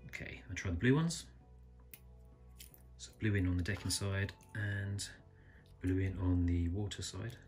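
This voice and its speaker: A man calmly reviewing a small pocket knife, thinking aloud and correcting himself as he goes. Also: low-pitched, measured pace, pauses often, faint music behind. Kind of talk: casual product review narration. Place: indoors at a table, filming hands close up.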